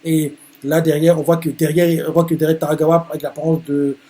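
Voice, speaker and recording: A man's voice: on the high side, flat delivery, fairly quick, dark tone. A man reacting live to a manga chapter, narrating the panels with many hesitant fillers.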